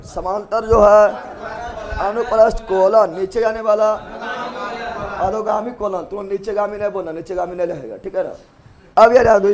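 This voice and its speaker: A man teaching biology, firing questions and having the class repeat answers back in chorus. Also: high voice. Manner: loud, emphatic, laughing often. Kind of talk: call-and-response classroom lesson.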